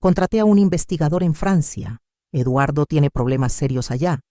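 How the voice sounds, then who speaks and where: A man's voice: a little high, normal speed, dark tone, dry recording, studio quality, natural voice. A woman voicing a determined, protective male lawyer who speaks firmly and earnestly in a storybook narration. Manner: firm and earnest.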